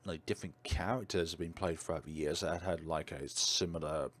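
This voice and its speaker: A man with a deep voice, chatting casually on a livestream with lots of fillers and a slight stutter. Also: fairly even intonation, a little fast, a bit bright. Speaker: streamer.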